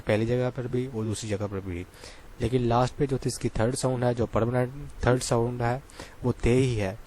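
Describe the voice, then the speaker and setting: Male tutor, mid pitch, patient and repetitive, quizzing style, faint room noise. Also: darkish tone. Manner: patient, repeats key points and quizzes listeners. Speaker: Korean language teacher. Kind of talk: explaining lesson.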